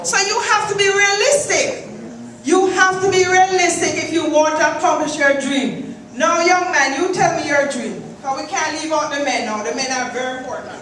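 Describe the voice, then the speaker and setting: A woman's voice: high-pitched, moderate pace, fairly bright tone, a little hiss or hum. A woman giving an emphatic motivational speech, calling out to her audience as guest speaker. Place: large echoing hall with audience. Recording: echoey hall from far off.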